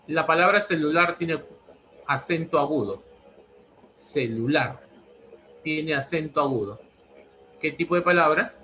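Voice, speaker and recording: A man's voice: fairly high pitch, a little slow, long pauses, bright, forceful tone, dull audio, slight background noise. A man teaching a language lesson, repeating each answer several times. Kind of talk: pre-university language lesson.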